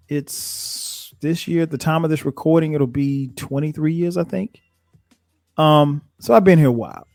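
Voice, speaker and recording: A man in his forties, a podcast host from South Carolina, casually telling his own story in a reflective, thinking-aloud way with frequent soft chuckles. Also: fairly high pitch, no room sound, clean studio sound.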